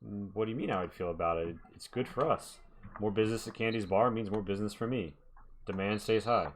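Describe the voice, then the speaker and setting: Man playing a blunt, wary townswoman, low voice. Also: fast, slight background noise, lightly acted. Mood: glum, defensive. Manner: blunt, defensive, hesitant starts. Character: wary, blunt, protective townswoman, suspected local trader.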